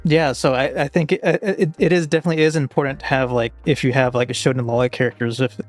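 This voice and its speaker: A man co-hosts a podcast in a plain mid-range voice. He explains his point earnestly and agreeably, in relaxed conversation. Faint music plays underneath. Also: medium pitch, fast, dry recording. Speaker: podcast co-host. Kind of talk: casual podcast chat.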